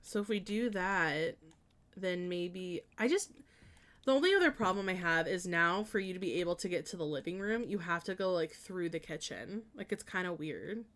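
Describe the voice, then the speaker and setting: A woman streamer with a low-side, slightly bright, animated voice chats casually with viewers at normal speed while planning a house in a life-sim game. She thinks aloud in a hesitant, meandering way with many trailing restarts, and turns chatty and friendly when greeting and answering viewers.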